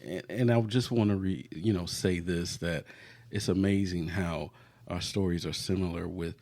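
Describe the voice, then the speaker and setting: A man's voice: low voice, moderate pace, mellow. A man in his forties hosting a casual podcast chat with his wife, easygoing and laughing often. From Florida, US. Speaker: podcast host.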